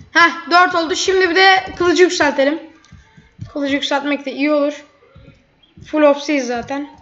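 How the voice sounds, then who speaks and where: Woman gamer, high voice, running play-by-play commentary, quick to vent; dull lo-fi recording. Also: a bit bright. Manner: chatty, blurts out frustration at opponents. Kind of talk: live gameplay commentary. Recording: dull lo-fi mic.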